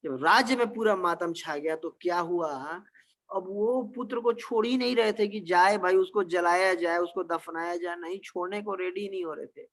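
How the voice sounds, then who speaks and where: High-voiced man telling a devotional story. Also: normal speed, a bit bright. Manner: conversational, filler phrases. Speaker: spiritual storyteller.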